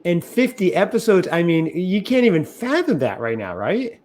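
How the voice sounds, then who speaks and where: A man's voice: sits high, very animated, moderate pace, a little mellow. A man co-hosting a podcast, chatting casually and playfully with mock boasts. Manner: playful, jokey, slips into a mock announcer voice. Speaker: podcast co-host.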